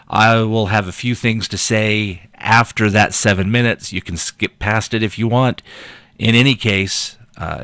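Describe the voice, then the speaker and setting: A man giving casual explanatory narration in a measured, wry way, as the host of his own recording. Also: fairly low pitch, fairly bright tone, no echo.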